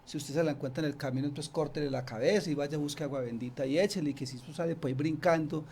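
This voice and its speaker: Speaking fast at a fairly high pitch, a snake expert from Antioquia, Colombia, chats through a radio interview in the studio, full of fillers and false starts. The tone is a little mellow, with slight background noise.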